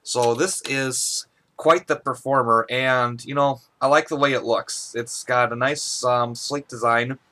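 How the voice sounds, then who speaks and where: Recording in a small indoor bedroom, a young man reviews a product casually for his hobby channel, sounding slightly hesitant. He speaks unhurriedly in a steady, mid-range voice that's bright and forceful.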